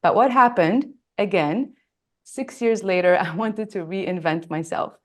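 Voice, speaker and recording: With a mid-range voice, she sounds animated yet keeps a measured pace. The speaker is a Lebanese woman in her thirties or forties who was born in Australia. She is an interview guest narrating her own experiences earnestly, emphatically and reflectively.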